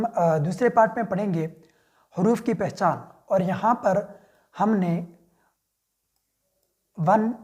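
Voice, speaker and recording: This is a man giving a screen-share lesson, talking at an unhurried, slow pace. His voice is soft and mellow, and he explains each step patiently. He drops English words in among the rest. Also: sits high. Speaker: Quran reading teacher.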